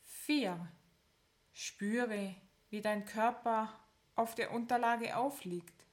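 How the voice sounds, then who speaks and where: Very slow, calm woman guiding relaxation. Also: fairly high pitch. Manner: calm, instructive, counts down slowly with pauses. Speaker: relaxation guide. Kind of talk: guided progressive muscle relaxation.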